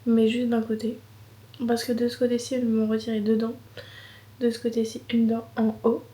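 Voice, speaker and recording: Woman vlogging casually after wisdom teeth out, swollen sore mouth, slightly high voice, slangy and a bit complainy. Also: monotone, normal speed, dark tone. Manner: slangy, informal, complaining lightly. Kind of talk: casual chat to camera.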